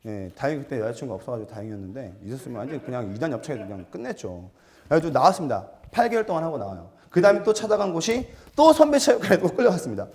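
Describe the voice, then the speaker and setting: A man giving a storytelling seminar lecture, animated and self-mocking, acting out quotes and putting questions to his audience. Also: mid-range voice, rapid-fire. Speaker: lecturer for martial arts gym instructors.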